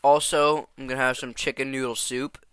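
Young guy on a headset hosting a goofy podcast call, bright crisp voice, dry close sound. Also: medium pitch, little pitch movement, fairly quick, dry recording. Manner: playful, teasing, prompting his friend. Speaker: podcast host. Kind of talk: casual chat on a call.

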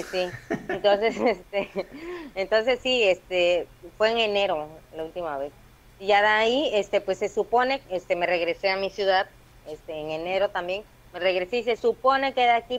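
Woman, Veracruz Mexican accent, comedian, animated storyteller, casual interview, dull lo-fi sound. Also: mid-range voice, normal speed. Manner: lively, intense storytelling with quoted asides. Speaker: stand-up comedian.

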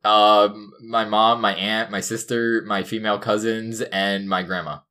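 A man's voice: fairly low pitch, flat delivery, measured pace, bright, forceful tone. A young man co-hosting a casual comedic chat, playful and mock-serious, often laughing. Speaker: podcast co-host.

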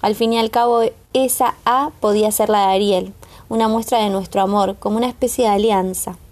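Woman, Rioplatense Spanish accent, audiobook narration, calm and even, middle pitch. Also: brisk. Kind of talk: scripted narration.

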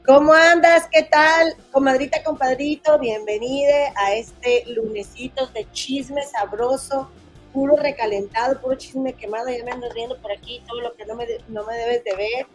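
A woman from Monterrey with a northern Mexican accent hosts a casual gossip podcast, chatting in a folksy way. Her voice sits high and moves at a moderate pace, sounding nasal and stuffy from a head cold, with faint music behind her.

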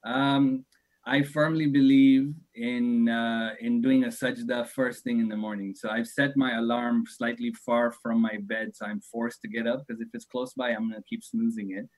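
A religious teacher, a shaykh in his thirties, answers interview questions thoughtfully at a moderate pace. His mid-range voice has a flat delivery, and he hesitates often but laughs easily.

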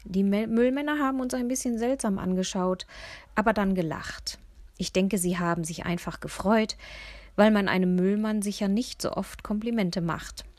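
Woman, children's audiobook narrator, lively expressive reading, mid-pitched voice, dry close sound. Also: moderate pace, dry recording. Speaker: audiobook reader.

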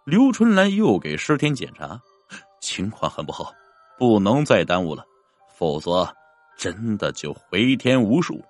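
A man narrating a dramatic story in an expressive, theatrical manner. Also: a little slow, soft background music. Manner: expressive, swinging pitch.

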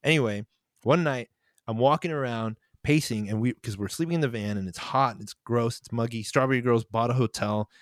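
Young man, podcast co-host, rambling casual storytelling, laughs often, dry close sound, mid-pitched voice. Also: a little fast, no room sound. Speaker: podcast co-host, band member.

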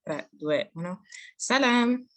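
A woman's voice: a little high, lively intonation, takes it slowly, fairly bright tone. A woman co-hosting a podcast in casual chat, with a playful, teasing manner. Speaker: podcast co-host.

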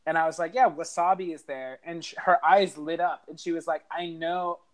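A man's voice: a little high, fairly even intonation, a little fast. A man co-hosting a podcast over a call, telling stories in a rambling, hesitant way with lots of fillers. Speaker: podcast co-host. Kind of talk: casual chat.

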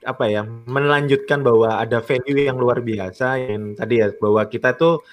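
A man in a relaxed live discussion, speaking in a middle-pitched voice. He muses aloud, hesitates often and keeps tagging his phrases with small fillers. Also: moderate pace. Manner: frequent tag "itu ya" and "gitu ya", hesitant fillers; reads viewer comments aloud. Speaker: co-host of a live talk show. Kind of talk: casual reflective discussion.

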